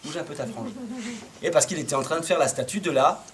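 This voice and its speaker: A man telling a Christmas tale to a live audience in a playful, animated way, sometimes singing and getting listeners to join in. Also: on the high side, fast, noisy background. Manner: lively, playful, sings and gets the audience to join in. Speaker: storyteller. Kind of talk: oral storytelling to a live audience.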